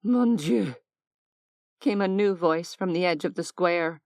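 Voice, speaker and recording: A woman narrating an audiobook in a measured, deliberate way on a close mic. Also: lowish voice, steady tone, clean tone, no room sound. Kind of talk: scripted narration.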